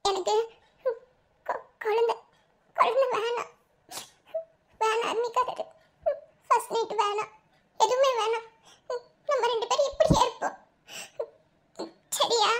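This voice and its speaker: A very high, piping voice of a childlike young village wife in a cartoon. She speaks Madurai Tamil in a sweet, teasing, affectionate way. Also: fairly even intonation, quick pace, a bit bright. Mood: pleading. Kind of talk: cartoon voice acting.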